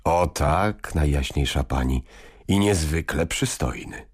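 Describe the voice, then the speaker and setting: A man voicing a young, admiring lady-in-waiting who gushes eagerly in hushed tones. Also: extremely low pitch, slow, breathy edge, heavily acted. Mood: gushing.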